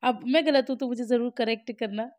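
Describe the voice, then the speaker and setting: An Indian mother chatting casually to her viewers in a home vlog, talking freely and laughing often, dropping soft and low when she turns reflective. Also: fairly even intonation, brisk. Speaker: family vlogger, mother.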